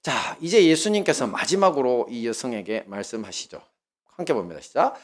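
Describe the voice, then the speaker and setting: A male pastor with a Gyeongsang Korean accent, preaching a sermon with lively storytelling and questions put to the congregation. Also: mid-range voice, normal speed.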